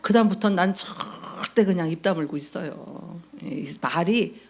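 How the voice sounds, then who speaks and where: A woman pastor preaches in a chatty, storytelling way, slipping into the voices of the people she quotes and checking in with her listeners. Her voice has a gravelly edge and a husky, slightly breathy texture. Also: on the low side, normal speed, darkish tone. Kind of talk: sermon.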